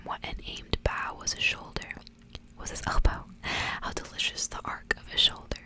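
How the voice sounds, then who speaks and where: In the soft narrating style of ASMR, a woman whispers a literary story in a breathy, hushed voice. The recording is rough.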